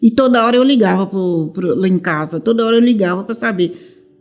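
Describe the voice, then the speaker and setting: Warm-voiced São woman recounting. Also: medium pitch, fairly quick. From São Paulo, Brazil. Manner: rambling retelling, many restarts, acts out the dialogue. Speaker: mother of a missing teenager. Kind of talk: emotional personal testimony.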